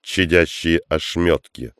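A man with a very deep, smooth, resonant voice narrates an action story. His reading is measured and steady. The sound is close and dry, with no room around it. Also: no room sound. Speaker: audiobook narrator. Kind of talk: scripted narration.

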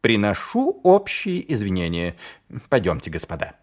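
A man doing a brisk aristocratic lady. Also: wildly swooping pitch. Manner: clipped, composed, pitched high. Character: poised aristocratic woman, brisk and commanding.

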